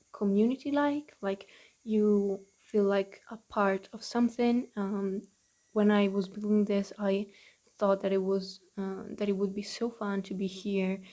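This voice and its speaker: A young woman talking quietly under her breath at home in her bedroom, recording a casual, hesitant voice-over for a building video. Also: mid-range voice. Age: young adult. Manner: hesitant, with many fillers. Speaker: gaming channel host.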